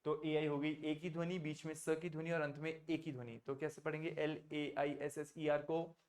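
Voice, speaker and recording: A man's voice: on the high side, little pitch movement. A man teaching a French class, explaining sounds patiently and mixing Hindi with English. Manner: explains slowly, mixing Hindi and English, coaxes students to repeat. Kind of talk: online class teaching pronunciation.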